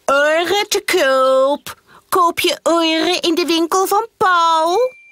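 A woman's voice: fairly high pitch, very animated, takes it slowly, a bit bright, dry recording, studio quality, pitched above the performer's own voice, exaggerated voice. A woman voicing a sly, scheming male fox in a children's storybook, sneering and bossy. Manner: sneering, commanding.

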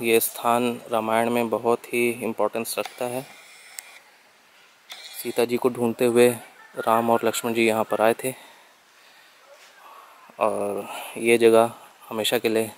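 A young man narrates a travel vlog while walking through a forest temple site. His delivery stays level and even. He calls the viewers friends and drops in English words. Faint outdoor ambience sits behind him, caught on a handheld camera mic. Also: medium pitch, slight background noise. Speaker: travel vlogger.

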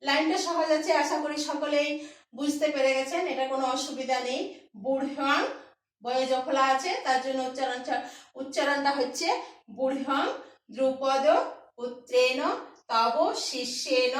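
A woman's voice: high voice, steady tone, measured pace. A woman teaching recitation of a sacred verse, spelling out pronunciation patiently syllable by syllable and chanting the lines. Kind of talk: slow recitation lesson with chanting. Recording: echoey room, voice far from the mic.

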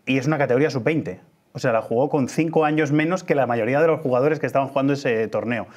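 A man's voice: mid-range voice, fast. Chatty man in his forties. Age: 40s. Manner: explanatory, laughs easily. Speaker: guest football journalist. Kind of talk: casual studio chat.

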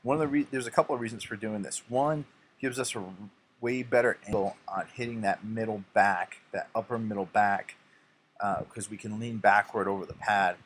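Low-voiced man coaching a back workout. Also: fairly even intonation, normal speed, slight background noise. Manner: instructive, self-mocking. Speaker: bodybuilder narrating his workout. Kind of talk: casual workout voice-over.

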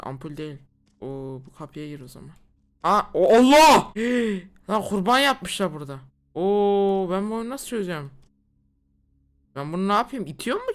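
A woman giving jumpy, excitable let's play commentary on a horror game, full of slangy exclamations. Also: mid-range voice. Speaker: gamer.

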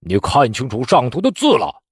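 A man's voice: medium pitch, wildly swooping pitch, normal speed, husky, no echo, studio quality, full character voice. A man voicing an arrogant, hot-tempered young nobleman who sneers coldly as he bullies others. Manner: haughty, cold sneering.

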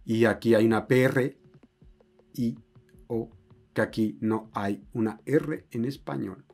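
Slow-talking man teaching Spanish. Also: medium pitch, vocal fry, a little mellow, faint music behind. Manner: explains slowly, checks with "ok?". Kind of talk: online language lesson.

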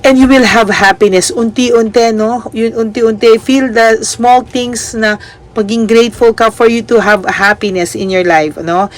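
A woman giving a tarot reading, gentle and reassuring, mixing Tagalog and English and checking in with "no?". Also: medium pitch, a little slow. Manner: gentle, reassuring, ends phrases with "no?"; mixes Tagalog and English, polite "po". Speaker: tarot reader.

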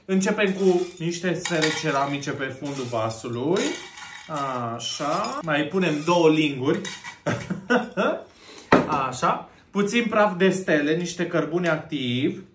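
Pitched a little high for a man, this animated Romanian in his thirties jokes through a pretend cooking show about plant arranging, laughing a lot, drawing out his gushing praise, and keeping his hands busy. A camera a few feet off captures him in an echoey home room papered with plants, with background noise audible.

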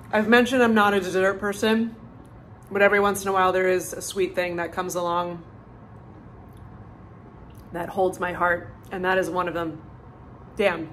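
A woman talks casually to camera in a lifestyle vlog, upbeat and chatty and dropping "like" here and there. Her voice sits in an ordinary middle pitch. A faint hum of outdoor ambience lies under her talk. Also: a bit bright, poor audio. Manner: chatty, upbeat, frequent "like" fillers. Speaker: lifestyle vlogger. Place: home kitchen and outdoor porch.

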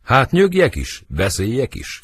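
Husky lovesick romeo, read by a guy, lyrical verse, voice swooping way up and down, audiobook drama. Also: wildly swooping pitch. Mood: wistful. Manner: lyrical verse reading, wide swings in pitch. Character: young lovesick nobleman Romeo, brooding.

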